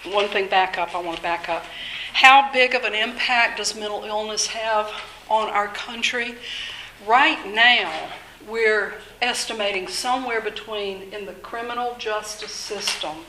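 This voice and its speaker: Older woman, earnest workshop speaker, unhurried delivery, echoey meeting room. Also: medium pitch, sharp tone, a little hiss or hum. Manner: earnest, measured, faith-minded. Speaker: speaker at a workshop on mental illness. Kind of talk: informal talk to an audience.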